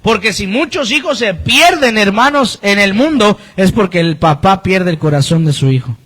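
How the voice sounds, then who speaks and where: A man's voice: high-pitched, lively intonation, moderate pace, a bit bright. A man pastor preaching a sermon, pressing his points with emphatic repetition and sudden swings in his voice. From Colombia.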